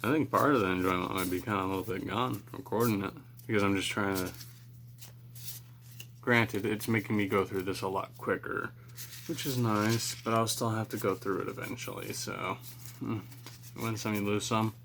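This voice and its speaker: A man hosting a card-pack opening video chats casually and without a script, musing in a rambling, self-deprecating way. His voice is on the low side and a bit bright, with fairly even intonation and a moderate pace. Cards are shuffled in the background, and there is slight background noise.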